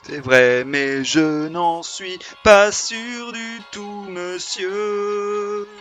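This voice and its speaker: A man's voice: high-pitched, drawn-out words, a bit bright, faint music behind, exaggerated voice. A man singing the part of a prim married woman in an absurd play, a comic parody set to a show tune. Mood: mock-polite. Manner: sings stiff formal lines to a show tune. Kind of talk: sung comic parody of theatre lines.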